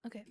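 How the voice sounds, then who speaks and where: A woman live streaming from her apartment, chatting casually and self-deprecatingly with viewers between songs on a desk microphone. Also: a little mellow. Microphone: desk microphone she can mute.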